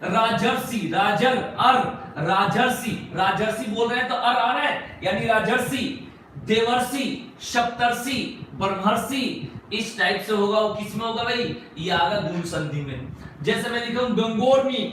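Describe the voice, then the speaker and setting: Guy teacher w a really high voice, far off the mic in a super echoey classroom, keeps quizzing then answering himself. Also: a little slow, fairly bright tone, a little hiss or hum. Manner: repeats quiz questions and answers them himself; stretches out single sounds while spelling words. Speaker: Hindi grammar teacher. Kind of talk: classroom lecture.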